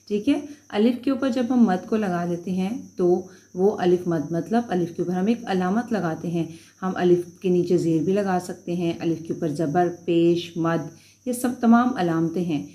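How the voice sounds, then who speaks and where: A woman's voice: on the low side, mellow. A woman teaching a beginners' Urdu lesson, patiently sounding out letters one at a time and checking understanding as she goes.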